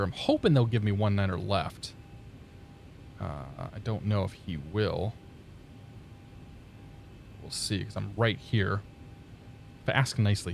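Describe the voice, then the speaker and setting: A man's voice: medium pitch, slight background noise. A man hosting a flight simulator livestream, chatting casually and thinking aloud to his viewers.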